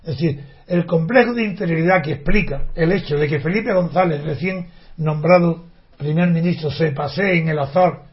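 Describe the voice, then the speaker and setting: Older man, high-pitched, holding forth indignantly in a monologue, lots of rhetorical questions and restarts, dull lo-fi sound. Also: creaky. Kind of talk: opinionated spoken monologue. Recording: dull lo-fi recording.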